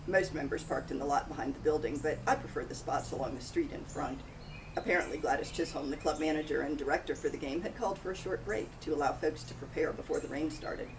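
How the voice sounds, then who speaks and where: A woman with a low voice reads quickly from her own cozy mystery novel, narrating in the first person. The mic is far away, and loud outdoor sounds of birds and crickets fill the background.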